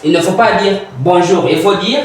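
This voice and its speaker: A man in casual group chat about accents, halting with many fillers. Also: high voice, a little hiss or hum. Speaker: student club member. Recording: echoey room from far off.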